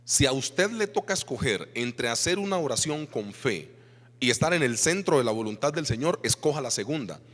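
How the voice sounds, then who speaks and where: Animated preaching man in echoing church. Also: mid-range voice, moderate pace. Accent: Colombian Spanish. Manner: animated preaching with rhetorical questions to the congregation. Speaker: pastor. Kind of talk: sermon. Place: church hall. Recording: reverberant church hall.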